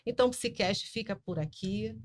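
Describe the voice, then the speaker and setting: A woman's voice: mid-range voice, normal speed. Brazilian woman hosting a podcast. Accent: Brazilian Portuguese. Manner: warm, encouraging, addresses viewers directly. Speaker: podcast host. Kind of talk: closing a psychology podcast episode.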